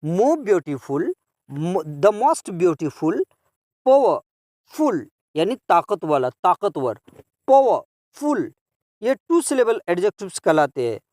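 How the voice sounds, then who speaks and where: A man teaching English grammar to children, drilling each word form slowly and repeating it, then explaining and translating it. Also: sits high, sing-song, darkish tone, no echo, clean studio sound. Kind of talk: grammar lesson.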